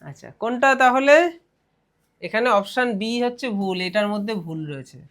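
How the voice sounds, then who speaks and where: A man with a Bengali accent teaching an English grammar lesson, reading English phrases slowly and then explaining them briskly with rhetorical questions. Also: high-pitched, lively intonation, a bit bright.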